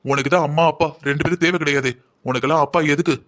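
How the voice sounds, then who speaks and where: A stern, disappointed middle-aged cartoon father who lectures his daughter at length, as a man voices him. He talks fast in a slightly high voice. His tone is bitter and reproachful. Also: fairly even intonation, fairly bright tone, natural voice. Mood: scolding. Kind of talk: Tamil cartoon voice acting.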